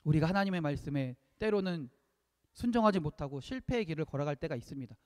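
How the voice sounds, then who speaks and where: A man preaching a sermon, emphatic, repeating key phrases and swinging between loud peaks and hushed lines. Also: on the high side, expressive, fast. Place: church sanctuary. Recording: long reverb of a church hall.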